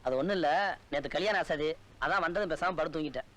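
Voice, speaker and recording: A man playing a brisk, kindly young husband. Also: fairly high pitch, a bit bright, natural voice. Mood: calm.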